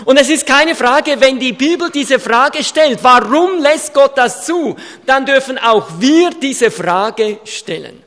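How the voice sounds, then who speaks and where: Male preacher, very high voice, emphatic sermon delivery, long hall reverb. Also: lively intonation, slow, hardly any pauses. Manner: emphatic, rising to shouts in quoted rants. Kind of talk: evangelistic sermon. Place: hall with audience.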